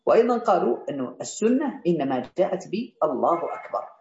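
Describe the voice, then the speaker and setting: A man's voice: a little high, very animated, quick pace, darkish tone. A man teaching a classical legal text, reading out each line and then restating and explaining it for his students. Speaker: teacher of Islamic jurisprudence. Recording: roomy, slightly dull sound.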